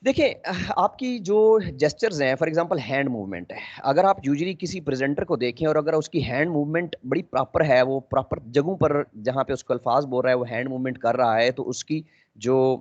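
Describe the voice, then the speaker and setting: A man's voice: mid-range voice, darkish tone. Man teaching in a lo-fi recording. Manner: explanatory, mixes English phrases, frequent 'uh' pauses. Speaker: English teacher. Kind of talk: lecture lesson. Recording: dull lo-fi audio.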